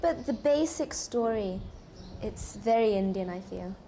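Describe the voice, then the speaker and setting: A young woman from Hong Kong, a film actress, answering interview questions in short, soft replies with frequent giggles. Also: mid-range voice, animated, unhurried, a little hiss or hum. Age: young adult.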